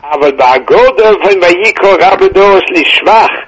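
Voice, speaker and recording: A man teaching a Torah class, halting and repeating words, mixing Hebrew into with a tinge, over a muffled phone line. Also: high voice, lively intonation, a bit bright, husky.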